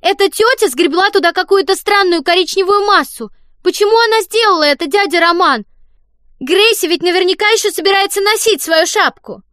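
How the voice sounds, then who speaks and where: A woman voicing a sly, mischievous boy who taunts in a shrill, sing-song way and lisps when faking a childish tone. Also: brisk, a bit bright, no room sound, clean studio sound. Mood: fake childish. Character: sly mocking boy, a mischievous little schemer. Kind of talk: audiobook character voice.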